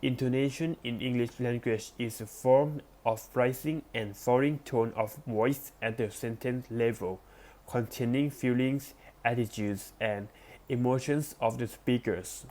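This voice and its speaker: A man presents a lesson by reading an academic text aloud. He speaks at a very slow, unhurried pace, taking his time over each phrase, and now and then backs up to restart a word. His voice sits at an ordinary middle pitch. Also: mellow. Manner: careful, deliberate reading with small restarts.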